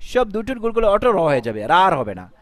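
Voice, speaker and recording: A man's voice: high voice, big pitch swings, fast. A man teaching Arabic letter pronunciation, asking questions and repeating answers back in a call-and-response drill. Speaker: Quran recitation teacher.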